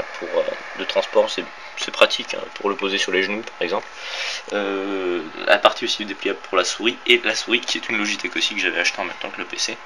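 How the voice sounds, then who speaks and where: Here the same kind of French YouTuber, accented from the Orléans region, speaks in a lowish, fairly bright voice while showing off his bedroom and equipment. Holding his phone as he films, he rambles with many fillers and corrects himself; the cheap phone's recording is low quality, with faint background hiss.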